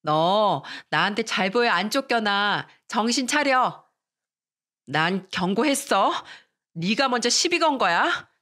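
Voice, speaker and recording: A woman's voice: medium pitch, big pitch swings, slow pace, bright, forceful tone, heavily acted. A woman voicing a spiteful, haughty schoolgirl who taunts a poorer classmate in a sneering tone.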